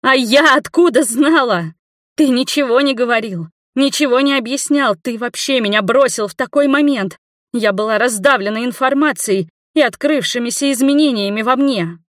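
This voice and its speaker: A woman voicing a hurt young woman, shouting high and accusing at her former lover in an audiobook. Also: moderate pace, dry recording, clean studio sound, close to an everyday voice. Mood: furious.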